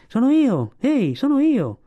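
A man voicing an eager young male fur seal in a storybook, shouting excitedly. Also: sits high, normal speed, clean tone, no room sound, muffled recording, pitched above the performer's own voice, close to an everyday voice. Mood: shrill excited.

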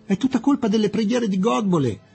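A man voicing an Englishman calling out loudly in a storybook reading. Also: sits high, expressive, brisk, vocal fry, slightly rough, soft background music, pitched above the performer's own voice, heavily acted. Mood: shouting. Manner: shouting. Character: harried Englishman shouting after a train.

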